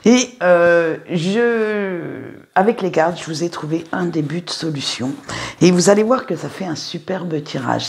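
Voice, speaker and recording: A woman with a slightly low voice reads tarot cards for her viewers in a casual, conversational way. She talks to them directly and often hesitates, filling pauses and restarting her sentences. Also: darkish tone. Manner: hesitant, many fillers and restarts; chatty, addresses viewers directly. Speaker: tarot reader. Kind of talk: casual tarot reading to camera.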